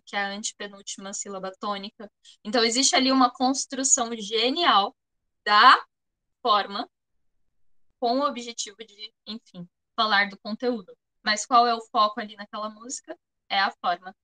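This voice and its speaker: Woman, Brazilian Portuguese accent, teacher, bright tone, a bit high, explains patiently, keeps checking in. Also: poor audio. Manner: explanatory, often checks in with students. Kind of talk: online class lecture.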